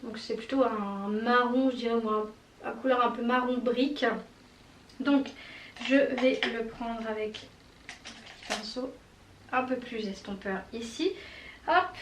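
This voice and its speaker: A woman's voice: fairly high pitch, unhurried, pauses often. A woman doing a casual makeup tutorial, chatty and enthusiastic with many fillers and little exclamations. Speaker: beauty vlogger. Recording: roomy echo, mic at a distance, faint noise.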